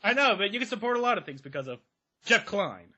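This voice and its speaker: A man co-hosting a podcast, chatting casually with sarcastic, animated commentary. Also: high voice, very fast, muffled recording, slight background noise. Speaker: podcast co-host.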